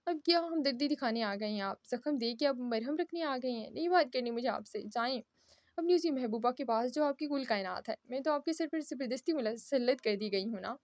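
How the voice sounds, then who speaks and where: A heartbroken young wife, read by a woman, pleads and reproaches in this storybook reading. The voice sits high. The sound is dry and close. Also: expressive, brisk, no echo. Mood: tearful, accusing.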